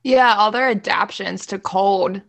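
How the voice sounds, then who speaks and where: A woman's voice: medium pitch, unhurried, creaky, a bit bright. A woman casually chatting as a podcast co-host, playful and teasing, often giggling. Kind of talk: casual chat.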